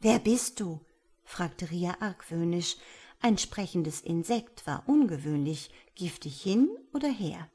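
A woman narrating a story in a measured, even reading style. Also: fairly low pitch, breathy edge.

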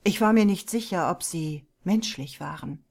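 A woman narrating a tense first-person story in a slow, deliberate, brooding manner. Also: on the low side, darkish tone, husky. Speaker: audiobook narrator.

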